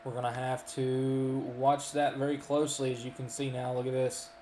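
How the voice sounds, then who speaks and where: A man's voice: mid-range voice, flat delivery, moderate pace, warm tone, roomy sound, a little hiss or hum. Kentucky man giving live radar commentary. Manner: folksy, lists towns, frequent ums and uhs. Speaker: storm chaser and weather streamer.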